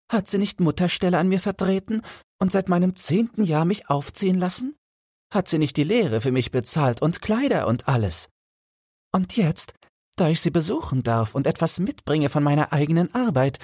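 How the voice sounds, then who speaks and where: A man's voice: a little high, darkish tone, slightly rough, no room sound, clean studio sound, pitched above the performer's own voice. A man voicing Felix, a young goldsmith apprentice, fearful and pleading in a fairy-tale audiobook.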